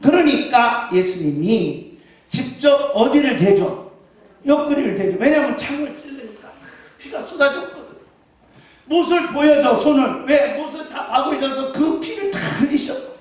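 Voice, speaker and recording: A man, a pastor, preaching an Easter sermon with emphasis, questioning the congregation and shouting exclamations. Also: extremely high pitch, lively intonation, moderate pace. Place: church sanctuary. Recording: echoey church hall from far off.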